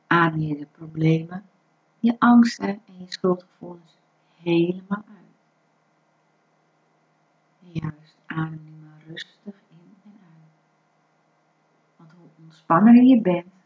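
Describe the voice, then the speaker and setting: Woman leading a breathing meditation, real slow and soothing, kinda muffled lo-fi sound. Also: lowish voice. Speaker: meditation guide. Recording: dull lo-fi recording.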